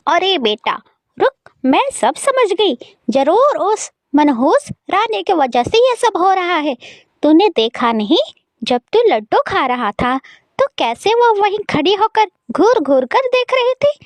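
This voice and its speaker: A woman voicing a harsh, scornful stepmother in a cartoon story, with a shrill, cutting voice. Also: sing-song, takes it slowly, no room sound, studio quality, exaggerated voice. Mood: scolding. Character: harsh scolding stepmother, favours her own son.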